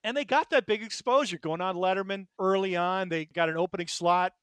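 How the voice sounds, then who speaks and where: Smooth-voiced man chatting about records. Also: high-pitched, brisk, fairly bright tone, dry recording. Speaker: podcast co-host. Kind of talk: casual music chat.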